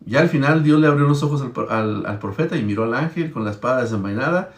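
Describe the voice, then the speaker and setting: A man's voice: mid-range voice, animated, fast talker, roomy sound. A man preaching, retelling Bible stories in a conversational, storytelling way and checking in with his listeners. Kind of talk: Bible-teaching sermon.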